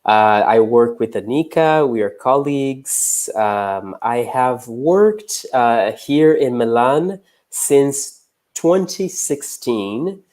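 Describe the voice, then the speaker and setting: A young Brazilian man who teaches English chats in a relaxed way during a live online lesson. His voice is medium-pitched and slow, and he uses plenty of "uh" and "um."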